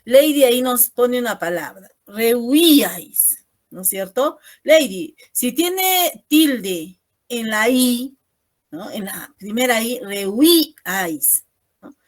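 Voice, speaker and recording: A woman's voice: fairly high pitch, sing-song, slow. A woman teacher giving an online class over a video call, explaining patiently and ending most phrases with a questioning "no?".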